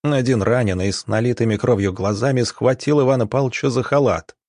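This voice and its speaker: Male audiobook narrator; husky, low, steady, dry sound. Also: brisk, no room sound. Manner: steady storytelling.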